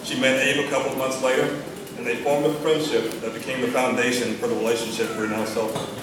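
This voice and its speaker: A middle-aged American man from Texas gives a father of the bride speech at a wedding, sentimental and gently humorous in a measured delivery. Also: medium pitch, little pitch movement, distant mic. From Texas, United States. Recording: echoey room from afar, noisy.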